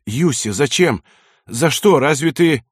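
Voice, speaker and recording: Man doing a distraught young woman, tearful, pleading, higher voice, audiobook, dry sound. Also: sing-song, a little slow, a little mellow, husky, no room sound.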